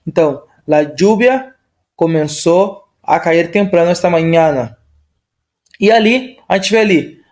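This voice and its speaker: A man's voice: high voice, darkish tone. A man with a Brazilian Portuguese accent teaching an online Spanish lesson in a casual, explanatory way, often checking in with tag questions.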